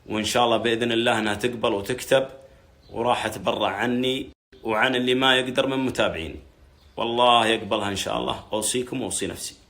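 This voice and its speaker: A man's voice: on the low side, a bit bright. A man talking casually with his family and followers and reciting poetry.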